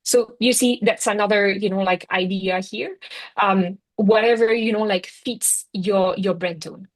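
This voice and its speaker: A middle-aged Frenchwoman with a French accent gives a chatty online workshop talk in Singapore, peppering her sentences with "you know, like" and "right?". Her mid-range voice has fairly even intonation and a measured pace. The recording quality is low.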